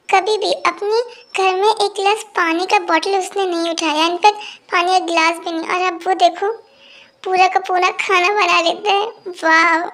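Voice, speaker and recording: Amateur dubber doing a teasing friend, very high creaky voice. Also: a bit bright, heavily acted. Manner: mocking, teasing. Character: teasing young friend, mocking and jokey. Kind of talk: amateur Hindi fan-fiction dub.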